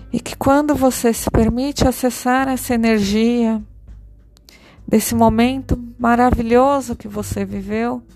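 Slow, soothing woman guiding a meditation. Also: a little high. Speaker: meditation guide. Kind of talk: guided meditation. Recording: soft music behind.

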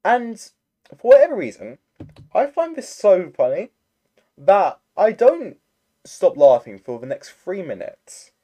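A man's voice: sits high, big pitch swings, measured pace, muffled recording. A young man, telling a rambling story in casual chat over a voice call, full of fillers. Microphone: computer mic on a voice call.

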